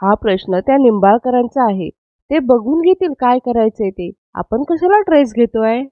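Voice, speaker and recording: A woman's voice: fairly high pitch, lively intonation, normal speed, no room sound, lightly acted. A woman voicing a dismissive young man who lectures his siblings in a cool tone. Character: dismissive young male heir. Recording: dry, slightly dull lo-fi.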